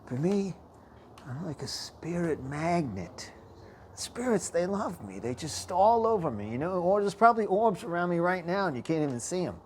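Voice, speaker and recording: Male ghost hunter, self-styled priest, boastful and lively, faint background hiss. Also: sits high, normal speed. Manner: boastful, animated, dips to a whisper. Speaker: self-described priest and paranormal investigator. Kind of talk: casual to-camera talk.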